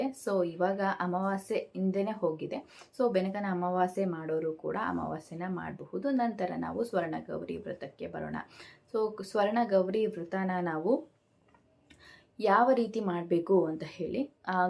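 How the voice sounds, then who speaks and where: A woman's voice: fairly low pitch, gravelly. A woman vlogger talking casually to her viewers, explaining festival rituals step by step with many "so"s and small hesitations. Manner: steady explanatory delivery with frequent "so" and hesitation sounds. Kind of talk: casual instructional talk to camera.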